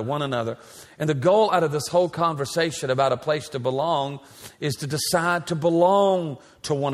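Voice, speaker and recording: A pastor in his forties preaching a sermon in a church, with an emphatic, repetitive cadence. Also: mid-range voice. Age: 40s. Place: large church sanctuary. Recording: church hall reverb.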